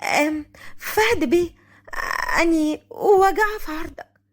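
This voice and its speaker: A woman's voice: very high-pitched, measured pace, voice pushed up. A flirtatious woman around thirty drawls her lines in a sweet, coy voice, as a woman storyteller puts her on. She speaks with an Upper Egyptian accent in an audio storybook. Her tone stays teasing and drawn out. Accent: Upper Egyptian Arabic.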